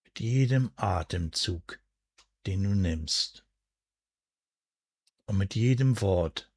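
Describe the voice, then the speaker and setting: A man guiding a sleep hypnosis in a soothing, hushed, deliberate way, with a soft breathy voice and drawn-out pauses. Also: sits low, dry recording, clean studio sound. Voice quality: breathy, soft, at times near a whisper. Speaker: hypnosis and relaxation guide. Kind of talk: guided sleep hypnosis, scripted narration.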